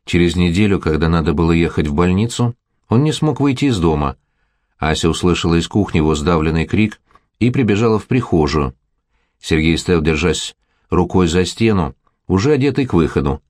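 A man narrating an audiobook in a calm, even storytelling manner. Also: deep voice, brisk, no echo, studio quality. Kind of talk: scripted narration.

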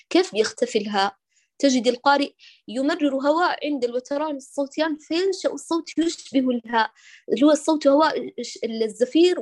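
A woman teaching Quran recitation, patiently correcting a student and slowly demonstrating throat letters. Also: fairly high pitch. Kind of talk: online recitation correction lesson.

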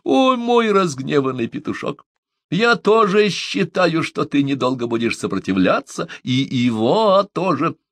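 A man voicing a huge, laughing Tahitian woman who teases and mocks in a booming voice. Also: animated, measured pace, a bit bright, no echo. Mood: teasing. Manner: booming, mocking, laughing through words.

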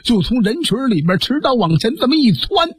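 A man performing a traditional story, dramatic and lively, with asides to listeners. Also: extremely high pitch, brisk, slightly rough, no echo, clean studio sound.

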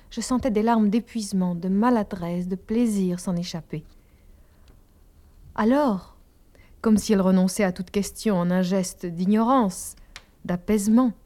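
A woman narrating a novel in the first person, slow and hushed, often dropping into a whisper. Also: medium pitch. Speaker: audiobook narrator.

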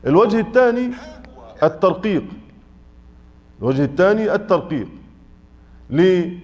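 A man with an Egyptian accent teaching the rules of Quran recitation, mixing classical and colloquial speech, asking his class short check questions and slowly drawing out example words. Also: sits high, animated, a little mellow, highs cut off. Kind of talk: tajweed lesson explaining a poem. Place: mosque study circle.

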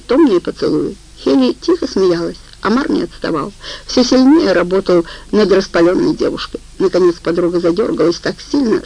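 A woman reading an audiobook in calm, even, unhurried narration. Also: fairly low pitch, rough recording. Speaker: audiobook reader. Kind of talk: scripted narration.

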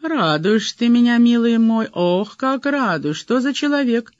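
A domineering male boss sneers and bullies in a raised, high voice, as a man puts him on for an audiobook. His talk is sarcastic and furious by turns. The recording is dry and slightly dull. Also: animated, measured pace, no room sound. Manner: mocking, then furious and bullying. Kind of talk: audiobook character voice.

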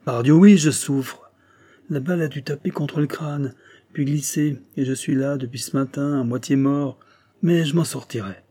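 A man reading a wounded, exhausted Englishman who speaks in short, halting phrases in an audiobook. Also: mid-range voice, warm tone, pitched above the performer's own voice, lightly acted. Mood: pained. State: weak and exhausted.

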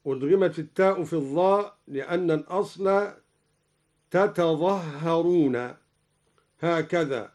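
A man with a fairly high voice speaks very slowly as a recitation scholar, walking through each variant reading. He breaks into measured, melodic chanting whenever he quotes a verse. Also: darkish tone.

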